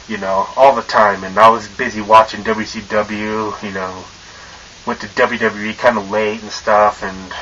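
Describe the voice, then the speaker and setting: A man's voice: fairly low pitch, sharp tone, a little hiss or hum. A young man in a casual, profane vlog rant, his voice muffled by a mask he wears, rambling with lots of fillers and tongue-tied stumbles. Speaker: vlogger.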